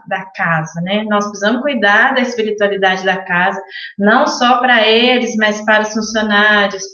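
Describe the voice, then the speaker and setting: A woman's voice: mid-range voice, a bit bright. A woman, a nun as an interview guest, speaking reflectively with frequent fillers. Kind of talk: radio interview answer. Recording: echoey, slightly muffled room.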